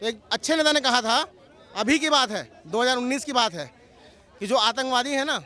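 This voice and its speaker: A man's voice: very high voice, brisk, sharp tone, a faint crowd. A man outdoors in a street interview, arguing his point and appealing to listeners. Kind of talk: heated street vox pop.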